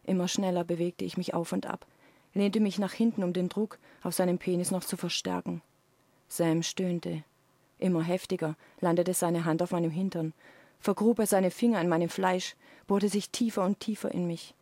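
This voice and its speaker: A woman reads an intimate passage from her own novel in a low, hushed voice. The sound is dry and close, with no room around it. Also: steady tone, normal speed, dry recording. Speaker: author reading her own novel on the radio. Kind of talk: dramatic reading of an erotic novel.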